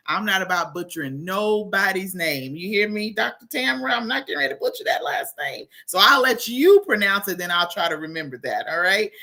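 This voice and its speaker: A woman's voice: fairly high pitch, pushed and bright. A woman hosting a casual talk show over a video call, chatty and exclamatory. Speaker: show host.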